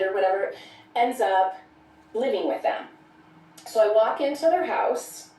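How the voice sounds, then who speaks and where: A woman's voice: medium pitch, a little mellow. Woman testifying earnestly from an echoey distance. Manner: earnest, measured storytelling. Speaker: podcast guest. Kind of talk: personal testimony in conversation. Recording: echoey room, off-mic.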